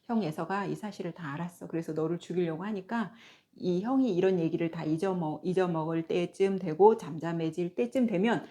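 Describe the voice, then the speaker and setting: A woman voicing a scheming mother from an old story, speaking low and urgently to her son. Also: expressive, a little fast, few pauses, mellow, lightly acted.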